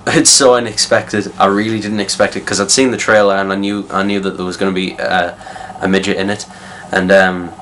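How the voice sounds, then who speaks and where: A man's voice: low-pitched, a bit bright, slight background noise. A young man giving a casual, rambling spoken movie review, full of fillers and restarts. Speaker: film reviewer.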